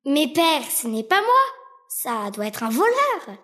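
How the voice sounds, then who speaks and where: A woman reading the part of a spoiled, bad-tempered young prince who shouts orders and denies blame. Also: big pitch swings, a little slow, heavily acted. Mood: protesting. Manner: shrill and demanding. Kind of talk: amateur story reading.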